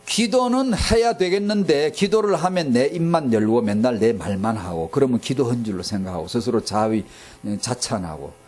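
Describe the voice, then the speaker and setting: A man's voice: medium pitch, animated, moderate pace. A male pastor preaching with passion, repeating words for emphasis and dropping to a near-murmur at times. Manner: impassioned, repeats words for emphasis, swings from loud to very soft. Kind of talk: sermon.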